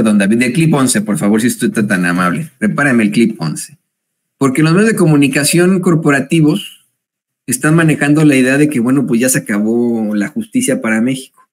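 A man with a Mexican accent hosting a commentary show, reading news aloud with sarcastic, chatty asides and frequent hesitations. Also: mid-range voice. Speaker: host.

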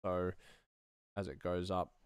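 He's a man in his thirties, a streamer and sound designer, muttering fragmented thoughts while casually commenting on his screen-share from a small indoor room at his computer. The voice is deep, slow, and flat, with a clean tone. The studio sound is clean and echo-free.

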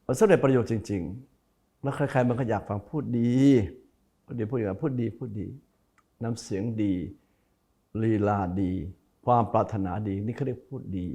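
A man's voice: mid-range voice, brisk, warm tone. A man who is a Buddhist monk, giving a televised dharma talk, stressing and repeating key phrases and speaking straight to the viewers. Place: broadcast studio.

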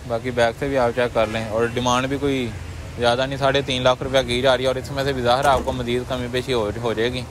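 A man's voice: medium pitch, level tone. Man presenting cars at an outdoor market. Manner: brisk salesman-like patter, polite questioning. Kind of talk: walkaround commentary and street interviews. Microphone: handheld mic. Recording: outdoor street noise behind.

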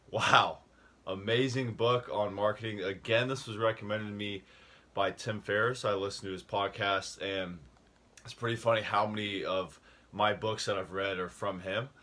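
A young book review vlogger talks casually on video about a book he read, rambling with fillers and restarts and sounding a little out of breath. His voice is on the low side, steady, pushed, and bright, at a normal speed.

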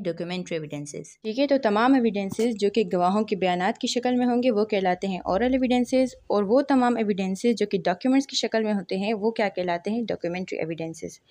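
A Pakistani-accented woman, a law lecturer, narrates an explanatory lecture over slides, teaching by asking questions and then answering them herself. Her voice is medium-pitched and a little mellow. She talks quickly, hardly pausing.

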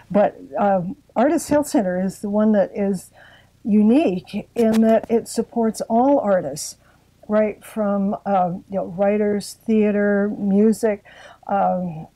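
Brief: older Canadian woman, interview guest, mellow dry voice, hedging and restarting often. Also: mid-range voice, measured pace, no room sound, poor audio. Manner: hesitant, many fillers and restarts. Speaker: guest, arts health board secretary. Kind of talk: casual interview talk.

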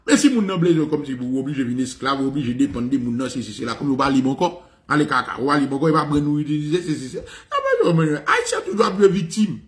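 A man with a Haitian accent giving an animated, ranting commentary, switching between languages, swearing and laughing. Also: mid-range voice, fast talker. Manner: ranting, mixing Creole, French and English, with profanity and laughs.

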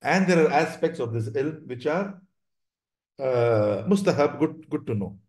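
A man's voice: medium pitch, animated, a little mellow. Roomy-voiced man teaching an online religious class. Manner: explanatory, frequent check-ins with "right?" and "yeah?"; halting, with many restarts. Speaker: Islamic teacher. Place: online video lesson, voice over slides. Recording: roomy echo.

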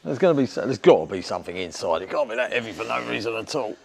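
A man's voice: on the low side, rapid-fire, gravelly, a crowd in the background. A middle-aged British man working on a car, bantering and joking while he explains what he finds. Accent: British English. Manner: joking, teasing, very lively intonation. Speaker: restoration mechanic. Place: large indoor garage workshop.

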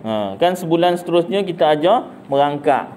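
With a Malaysian Malay accent, a middle-aged man teaches religion in a chatty, joking style, asking his own questions and answering them. His voice is on the high side with a darkish tone and lively intonation at normal speed, over a little hiss or hum.

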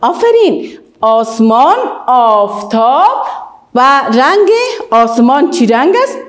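A woman with an Afghan Dari accent leads small children through their letters, singing out and stretching the model words while praising them frequently. Her voice sits high and has a sing-song quality.

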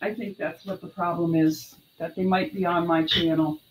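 A woman's voice: on the low side, flat delivery, moderate pace, a little hiss or hum, low-quality recording. A middle-aged woman chatting casually and unhurriedly as she sells items on a live online sale, sometimes muttering counts to herself. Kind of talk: casual live selling chat. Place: indoor room with clothes racks.

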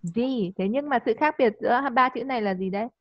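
A woman teaching English in a live online class. She coaxes the student and checks understanding with quick tag questions. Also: fairly high pitch, no room sound. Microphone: video call. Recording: dull lo-fi call audio.

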